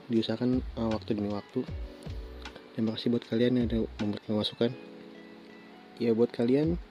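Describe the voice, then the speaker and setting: A man in his twenties with a Jakarta accent and a lisp hosts a casual solo podcast, telling personal stories in an informal, halting way with indistinct articulation. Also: lowish voice, mellow. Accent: Jakarta Indonesian. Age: 20s. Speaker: podcast host. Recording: dull lo-fi sound, faint music behind.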